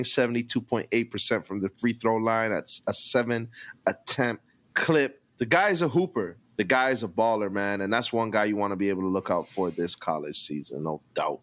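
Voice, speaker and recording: A young man with a low voice talks basketball in loose, energetic slang. He reels off player stats like a fan, and the sound is close and dry with no room echo. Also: moderate pace. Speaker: podcast co-host. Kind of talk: casual sports chat.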